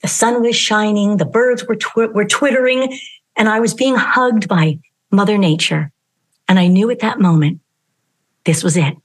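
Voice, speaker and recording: A woman opens her podcast with a calm, reflective story, speaking at a steady mid pitch. Her delivery is even and unhurried, and it builds up to the show's name. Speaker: podcast host. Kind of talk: storytelling show intro.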